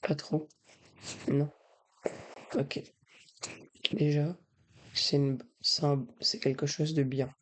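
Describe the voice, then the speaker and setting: A man with a breathy voice, speaking softly in an ASMR style as he advises the listener. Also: fairly high pitch, little pitch movement, takes it slowly, pauses often, slight background noise. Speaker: ASMR video creator. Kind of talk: soft-spoken ASMR, advising the listener directly.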